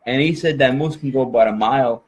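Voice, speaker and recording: A man's voice: medium pitch, fast talker, rough recording. A man from Minnesota with an exaggerated Minnesota accent, chatting as an interview guest in a folksy, rambling way. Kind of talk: casual interview chat.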